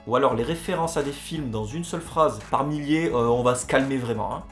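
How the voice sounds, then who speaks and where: A man's voice: medium pitch, a little fast, soft background music. A man hosting a comedy video, reading out film slogans and mocking them with sarcastic asides. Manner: sarcastic, mock-dramatic, jokey asides. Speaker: host of a comedy video series. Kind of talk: comedic voice-over commentary. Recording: roomy echo.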